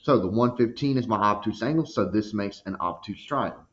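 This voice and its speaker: A man's voice: on the low side, a little fast. A man teaching a recorded math lesson, walking through each step and checking in with a frequent "okay?". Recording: dull lo-fi recording.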